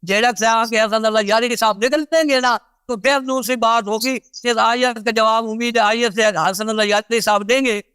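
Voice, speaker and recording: A high-pitched, bright-toned man pressing his case in a heated debate over a video call. He talks over others and keeps insisting on his point. The sound is smooth and dry. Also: no room sound. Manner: insistent, interrupts often.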